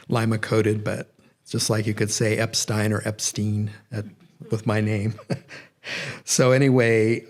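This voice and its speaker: Middle-aged guy giving a public talk, kinda low voice, lots of ums and backtracking. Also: darkish tone. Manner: rambling, self-correcting, with frequent fillers. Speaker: guest lecturer. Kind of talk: public lecture. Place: nature center event room.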